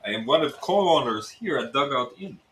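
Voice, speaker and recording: A man voicing a gruff male innkeeper with a Russian accent and broken English. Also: medium pitch, lively intonation, normal speed, fairly bright tone, slight background noise, natural voice, low-quality recording. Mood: wheedling.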